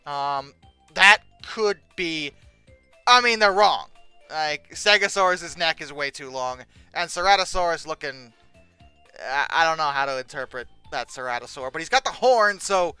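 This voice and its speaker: A host reacts to old book text and pictures in casual comedic commentary, reading passages aloud with exasperated, sarcastic, incredulous asides. The voice is medium-pitched, bright, and clean, unhurried and very lively in intonation. The sound is close and dry with no room sound, over faint music.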